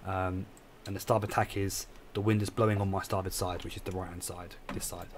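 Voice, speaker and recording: A man's voice: low-pitched, level tone, a little fast, noisy background. A tired man, rambling and correcting himself as he explains a game he is playing live. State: tired, yawning. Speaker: game streamer. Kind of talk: casual live gameplay commentary.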